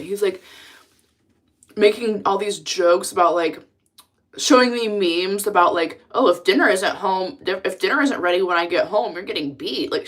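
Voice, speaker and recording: Lively, chatty young woman streamer. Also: medium pitch. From United States. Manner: chatty, blunt, laughs often, reads chat aloud. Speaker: livestreamer. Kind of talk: casual live-stream chat.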